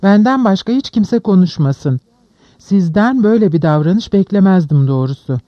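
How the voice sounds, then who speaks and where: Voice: mid-range voice, lively intonation, no echo, highs cut off, natural voice. Reader doing a haughty young magistrate. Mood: stern. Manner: haughty, quick, then cold and formal. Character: small haughty young investigating magistrate, man. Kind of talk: audiobook character voice.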